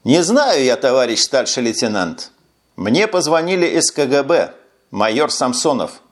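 A man's voice: medium pitch, big pitch swings, unhurried. A man voicing a young male duty officer who explains himself nervously and apologetically in an audiobook. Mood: apologetic.

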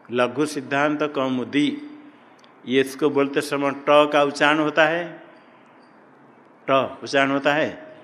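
Male teacher, mid pitch, steady question-and-answer lecturing, echoing hall sound. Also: a little hiss or hum. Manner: asks questions and answers them himself, repeating terms. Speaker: Sanskrit grammar teacher. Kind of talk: classroom lecture. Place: hall or classroom at an ashram.

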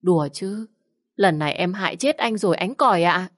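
A woman's voice: fairly low pitch, lively intonation, normal speed, fairly bright tone. A woman voicing a timid young man in his twenties who complains and exclaims a lot. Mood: whiny. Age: 20s. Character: timid young man, whiny and easily scared.

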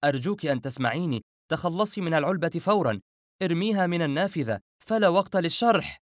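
A man acts out a nervous, rattled older doctor begging down a phone line. His voice climbs high and tight with alarm, and the recording is dry and close. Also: lively intonation, quick pace, dry recording, natural voice. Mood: hysterical. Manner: hysterical, pleading repeated questions.

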